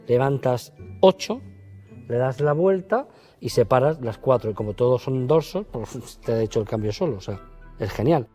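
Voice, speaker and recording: A man walks through a card routine in relaxed, chatty speech. His voice is mellow and warm, and he jumps into higher voices when acting out his patter. Faint music plays behind him. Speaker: magician teaching a card routine. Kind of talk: casual spoken magic lesson.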